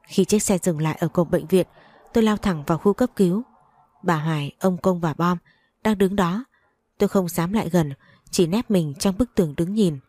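A woman's voice: fairly low pitch, warm tone, dry recording. A woman narrating a first-person story in an earnest, emotional reading.

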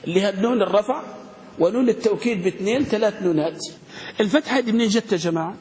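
Fields: Sex: male. Role: grammar teacher. Pitch: high. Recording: echoey room. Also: a little mellow. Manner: questioning students, spelling words out slowly. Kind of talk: classroom grammar lesson. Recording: echoey room with long reverb, faint noise.

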